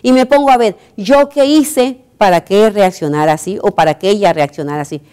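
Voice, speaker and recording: A woman's voice: medium pitch, brisk, warm tone, clean tone. A woman giving a televised catechesis talk in an earnest manner, posing rhetorical questions and repeating phrases for emphasis.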